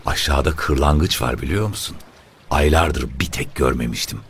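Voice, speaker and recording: A man voicing a quiet deckhand, measured as he recounts. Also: extremely low pitch, a little hiss or hum. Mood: musing. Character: quiet deckhand, observant and talkative about the sea.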